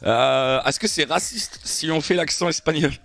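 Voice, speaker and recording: A man's voice: fairly high pitch, normal speed, creaky, no room sound. A young man streaming live and reacting to football news, chatting animatedly and constantly turning to his viewers. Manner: animated, keeps addressing his viewers as guys. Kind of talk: casual live-stream chat.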